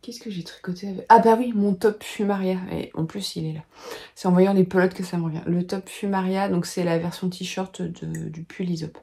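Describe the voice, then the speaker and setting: A woman's voice: lowish voice, steady tone, normal speed, vocal fry, dark tone. A woman in her thirties chatting casually to camera at home, thinking aloud with lots of filler sounds. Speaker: knitting vlogger and pattern designer. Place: home at a desk, lit by a lamp.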